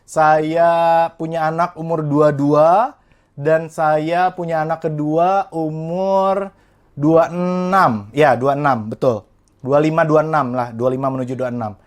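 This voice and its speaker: A man's voice: fairly high pitch, steady tone, takes it slowly. Earnest young Indonesian man telling his story. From Indonesia, West Java. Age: 20s. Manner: earnest storytelling, addresses listeners directly. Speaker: young entrepreneur guest. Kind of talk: motivational interview talk.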